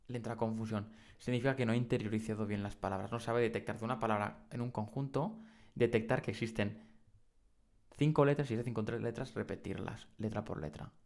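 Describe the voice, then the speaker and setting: A man's voice: fairly low pitch, creaky, a little mellow. A man who mentors children with dyslexia, talking parents through the warning signs in a casual, explanatory way and often checking in with "¿vale?". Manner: conversational, repeats "¿vale?" and "¿de acuerdo?" to check in. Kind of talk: informal explainer addressing parents.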